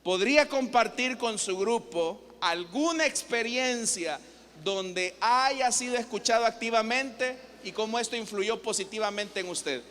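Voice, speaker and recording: A man's voice: high-pitched, a little slow, fairly bright tone, slight background noise. A man preaching as pastor, teaching and asking his congregation questions. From El Salvador. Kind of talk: sermon. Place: church hall. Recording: long church reverb.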